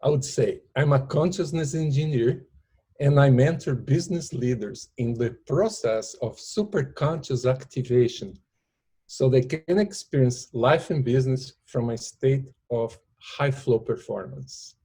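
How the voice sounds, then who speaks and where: A man from Brazil with a Brazilian Portuguese accent, a podcast guest talking in slow, searching phrases, Portuguese his first language. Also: mid-range voice, mellow, breathy edge. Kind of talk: podcast interview.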